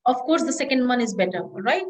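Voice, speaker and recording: A woman teaches a class with a high, clear voice. She lectures in an instructive way, often checking in with "all right?" and slowing to stress the key words. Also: lively intonation, a little hiss or hum, low-quality recording. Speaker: associate professor lecturing. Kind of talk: classroom lecture on presentation skills.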